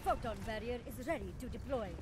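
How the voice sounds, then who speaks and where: An actress voicing a calm, precise game hero whose in-game voice lines announce turrets and abilities in a measured, formal way. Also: female voice, a little high. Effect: in-game character voice line. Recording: game audio under loud noise.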